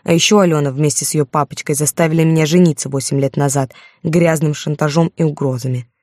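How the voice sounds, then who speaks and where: Mellow woman reading an audiobook. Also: low voice, fairly even intonation, fast, no room sound, studio quality. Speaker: audiobook narrator. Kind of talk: first-person romance narration.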